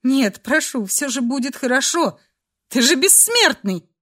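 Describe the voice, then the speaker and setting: A woman's voice: high voice, animated, measured pace, pushed and bright, voice pushed up, full character voice. Woman voicing a desperate young heroine crying out. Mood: desperate pleading. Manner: pleading, crying out.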